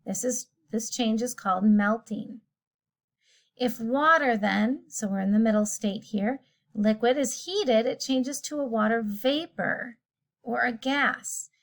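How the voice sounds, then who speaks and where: A woman's voice: on the high side, a little slow, gravelly. Woman teacher explaining a science lesson. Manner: casual, explanatory, self-correcting.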